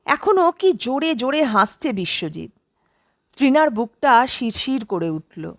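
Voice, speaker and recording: A woman narrating an audiobook story in an expressive, measured storytelling manner on a close mic. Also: high-pitched, dry recording.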